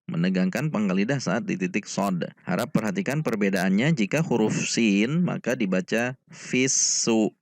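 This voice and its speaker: A man with an Indonesian accent teaches Quran recitation in a patient, step-by-step lesson, breaking each word into letters before reciting it. His voice sits low and he takes his time. The recording is dry and close, with no room sound. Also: creaky, no echo. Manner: explains letter by letter, then recites the verse slowly. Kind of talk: slow step-by-step tajwid lesson.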